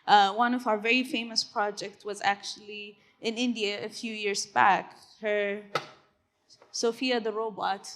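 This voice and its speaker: A woman's voice: mid-range voice, fairly even intonation, measured pace, background noise. A woman in her twenties from Ethiopia, a tech company CEO giving an earnest, conversational conference presentation with frequent fillers and tag questions. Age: 20s. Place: conference hall stage.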